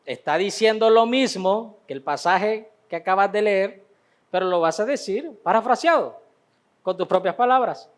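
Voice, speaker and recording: A man's voice: high voice, lively intonation, moderate pace. A man teaching a church Bible class in a conversational way, repeating phrases for emphasis.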